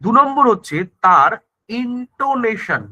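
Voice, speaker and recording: A male teacher talks the class through exam prep, his voice high-pitched and ringing bright. he keeps checking that everyone follows, throws in tag questions and often stops to restart a word. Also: sing-song, measured pace, lo-fi sound. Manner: frequent self-corrections and restarts. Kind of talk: online exam-prep grammar lesson.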